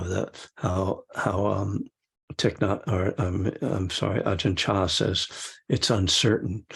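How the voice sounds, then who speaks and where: A man's voice: on the low side, vocal fry, breathy edge. An older man and meditation teacher gives a rambling, casual dharma talk, chuckling often and full of fillers.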